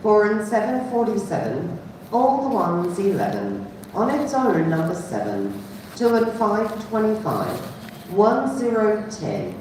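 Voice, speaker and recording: A woman's voice: mid-range voice, big pitch swings, darkish tone. Echoey woman bingo caller, singsong delivery. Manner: measured singsong announcing, dropping on the final number. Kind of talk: bingo calling, numbers announced in set phrases. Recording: echoey hall from far off, clear noise.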